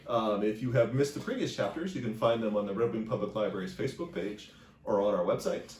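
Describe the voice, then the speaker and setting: A man with a fairly low, slightly mellow voice reads aloud quickly as a library storyteller, using a storybook narration style. The recording is echoey, with the microphone placed at a distance.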